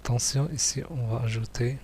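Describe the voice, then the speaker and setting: A man teaching young pupils, going slowly through a worksheet, repeating each word and praising answers. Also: medium pitch, fairly even intonation, mellow, a little hiss or hum. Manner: slow, patient, repeats words and praises answers.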